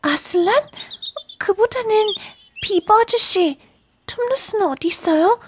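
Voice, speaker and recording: A woman plays a tender little storybook girl with a high, animated voice. She sounds earnest and worried, anxious to know things. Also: measured pace, a little hiss or hum. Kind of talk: storybook character voice.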